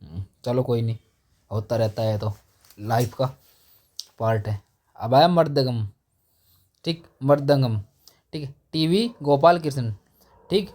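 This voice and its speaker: A man's voice: mid-range voice, unhurried, long pauses, darkish tone. A man teaching exam memory tricks, explaining with playful rhymes and acted-out quotes. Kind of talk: exam mnemonic lesson.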